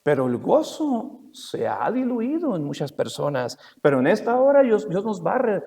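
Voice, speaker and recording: An older man, preaching a sermon and telling stories, moving from loud to soft. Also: high-pitched, moderate pace, creaky. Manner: animated storytelling, swings from loud to soft. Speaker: pastor. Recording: long reverb of a church hall.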